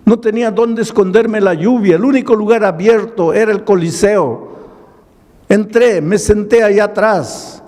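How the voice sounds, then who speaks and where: A man's voice: high-pitched, unhurried, a little mellow, in a large hall, voice pushed up. A man voicing a grieving homeless drunkard who confesses his past in a pleading voice. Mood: anguished. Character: grieving homeless adult male drunkard, remorseful.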